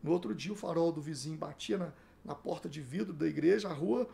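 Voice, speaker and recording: Middle-aged man from Brazil, pastor in an interview; raised pitch, gravelly fry, acts out every exchange. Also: fairly quick. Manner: animated storyteller acting out dialogue. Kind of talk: telling his life story in a podcast interview.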